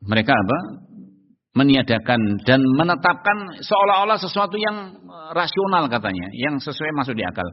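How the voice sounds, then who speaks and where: A man's voice: on the high side, very animated, moderate pace. A man giving a religious study lecture as a preacher, often asking his listeners whether they understand and posing rhetorical questions. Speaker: Islamic preacher. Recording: dull sound in long-reverb hall.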